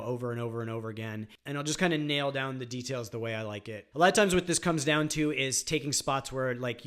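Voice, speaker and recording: A man teaching songwriting on guitar in a casual, rambling way, with frequent fillers. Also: mid-range voice. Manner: relaxed, rambling, many fillers like "um" and "like". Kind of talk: casual instructional talk.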